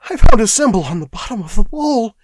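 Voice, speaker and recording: Guy doing a scared chattery clerk from a fantasy story, high voice, full of dread, really dry sound. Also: big pitch swings, fairly quick, no room sound. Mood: frightened, urgent. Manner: chattering, fearful, ominous. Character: frightened, chattering male clerk spinning eerie warnings. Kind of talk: dramatized fantasy audiobook.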